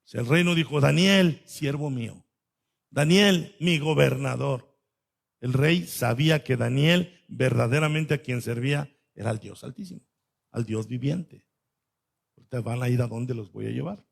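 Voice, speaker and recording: A man preaching a sermon, swinging between loud stresses and soft asides. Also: mid-range voice, moderate pace, gravelly. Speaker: pastor.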